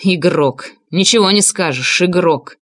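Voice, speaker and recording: A woman reading an audiobook, voicing a blustering middle-aged man who tries to sound menacing and gruff. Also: fairly low pitch, measured pace, no room sound, clean studio sound. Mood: sullen.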